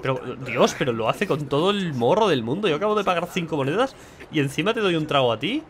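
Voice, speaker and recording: A young man streams his gameplay, commentating casually in a slightly high, animated voice at a quick pace. He's chatty and joking, and he swears a lot.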